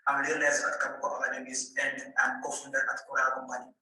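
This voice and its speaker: Young Malian-accented man in his twenties reading a script, flat delivery, bright, echoey and distant. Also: medium pitch, fast talker. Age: 20s. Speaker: student presenter. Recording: echoey room, distant mic.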